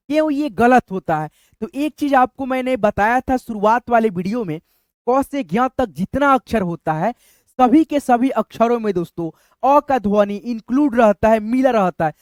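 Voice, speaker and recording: A man's voice: very high-pitched, no room sound. A man teaching a step-by-step lesson, repeating "friends" often as he talks the class through each point. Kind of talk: explanatory lesson.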